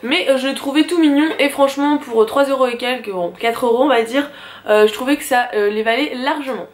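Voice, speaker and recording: A young woman chatting casually through a shopping haul vlog, filling pauses with frequent hesitations and light laughs. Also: high-pitched, slight background noise. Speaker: vlogger.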